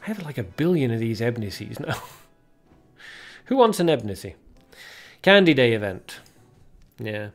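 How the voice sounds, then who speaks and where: A man's voice: medium pitch, sing-song, unhurried, long pauses, soft background music. A young man hosting a casual card-game livestream, chatting with viewers and reading card names aloud as he opens packs. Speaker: livestream host.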